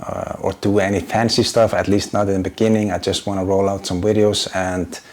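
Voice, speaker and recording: A deep, darkish voice with flat delivery and a fairly quick pace belongs to a Icelandic-accented man in his forties, a YouTuber and graphic designer. Speaking English as a second language in a casual, unscripted vlog, he hesitates, searches for words, and uses many fillers.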